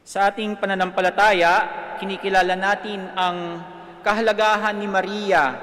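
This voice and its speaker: High-pitched Filipino priest in cathedral echo. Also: male voice, flat delivery, moderate pace, fairly bright tone. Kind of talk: liturgical reading and homily. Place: large church, over sound system. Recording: cathedral echo, long church reverb.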